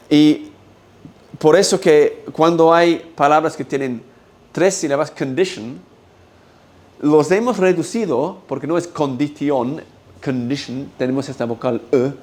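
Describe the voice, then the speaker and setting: A man's voice: a little high, a little mellow. Patient man lecturing. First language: English. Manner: explains patiently, checks in with "¿no?" and "¿ok?". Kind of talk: university-style lecture. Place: lecture hall.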